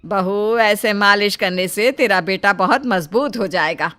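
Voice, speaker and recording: A woman voicing a stubborn, bossy older mother-in-law in a cartoon story, talking loudly and dismissively. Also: mid-range voice, measured pace, natural voice. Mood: scolding. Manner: loud, scolding, dismissive.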